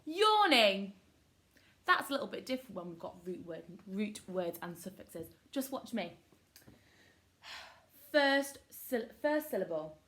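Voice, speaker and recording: A woman's voice: medium pitch, lively intonation, unhurried, fairly bright tone. A woman teaching a children's phonics lesson, giving short prompts, modelling words syllable by syllable and praising often. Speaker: primary school teacher.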